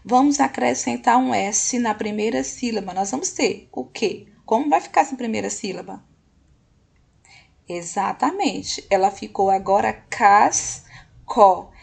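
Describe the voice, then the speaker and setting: Gravelly, husky woman teacher. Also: on the high side, darkish tone. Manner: patient, slow, often checks in with "ok?". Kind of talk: recorded classroom lesson.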